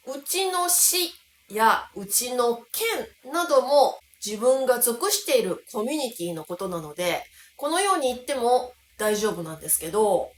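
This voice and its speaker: Japanese teacher lady from kansai, really lively up and down voice, slows on the important words, kinda echoey room. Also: fairly high pitch. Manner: slows and stresses key words while explaining. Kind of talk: explanatory online language lesson. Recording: roomy echo.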